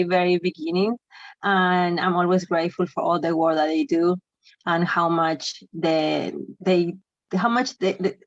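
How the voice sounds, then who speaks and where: Lowish-voiced woman from Bolivia on a dry, muffled call. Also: no room sound. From Bolivia, raised in Argentina. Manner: warm, grateful, rushed restarts. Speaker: panelist, climate activist. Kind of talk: casual introduction on a panel. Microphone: video call.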